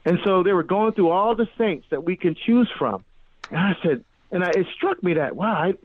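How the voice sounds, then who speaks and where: A middle-aged man born in Barbados and raised in New Jersey, a guest on a radio interview, telling his story with animated restarts and many fillers. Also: high voice, moderate pace. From born in Barbados, grew up in New Jersey. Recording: tinny phone-line sound, dry.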